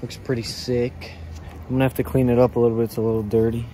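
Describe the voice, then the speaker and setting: A young man vlogs casually to camera, quick and warm in a mid-range voice that barely shifts in pitch. He thinks out loud in slang, dropping the occasional light swear word. The recording is handheld, with background noise clearly audible.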